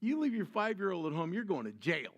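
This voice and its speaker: An older man preaching a sermon, telling a family story with animated voiced asides. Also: sits high, fairly quick, dull audio. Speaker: pastor.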